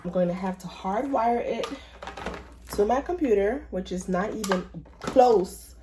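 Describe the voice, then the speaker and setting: A woman's voice: mid-range voice, measured pace, noisy background. A woman making a casual crafting vlog at home, talking to herself and her viewers as she works. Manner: chatty, talks to herself and viewers while working. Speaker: crafter making custom shirts.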